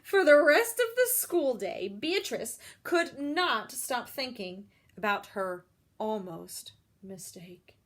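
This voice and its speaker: High-voiced woman reading a children's picture book. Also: takes it slowly. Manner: expressive, explains feelings and puts questions to children. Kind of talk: read-aloud storytelling with asides to young listeners.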